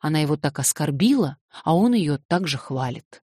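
Woman voicing a naive excitable young man. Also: sits low, moderate pace, breathy edge, dry recording, studio quality. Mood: defensive. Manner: eager, plaintive, protesting.

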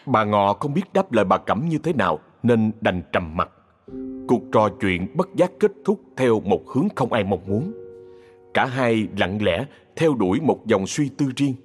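A man narrating a ghost story in a measured, scripted storytelling manner. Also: fairly low pitch, sing-song, faint music behind. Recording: long reverb.

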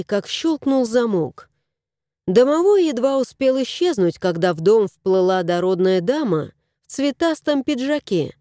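Woman storyteller, mellow, close and dry, measured reading for kids. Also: medium pitch, dry recording. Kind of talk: audiobook narration for children.

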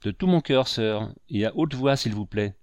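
A man's voice: on the low side, animated, moderate pace, a little mellow, clean tone, no room sound, natural voice. A man voicing a curt, upset young woman. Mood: defensive. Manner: curt, defensive. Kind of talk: audiobook character voice.

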